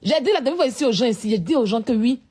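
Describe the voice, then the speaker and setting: Woman vlogger, high-pitched, confrontational rant. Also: animated, rapid-fire, warm tone. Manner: scolding, repetitive, confrontational. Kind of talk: live-stream rant.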